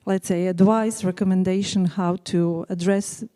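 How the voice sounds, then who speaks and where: A woman's voice: lowish voice, steady tone, moderate pace, dark tone. A woman from Croatia with a Croatian accent, asking a question from the audience of a lecture hall in an earnest, persistent way.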